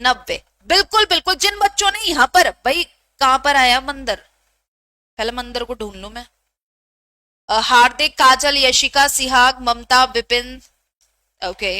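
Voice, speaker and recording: High-voiced woman teaching a brisk class. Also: bright, forceful tone, no echo. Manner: brisk, scolding-affectionate, repeats questions to students. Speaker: Hindi teacher. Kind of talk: live online exam-prep class.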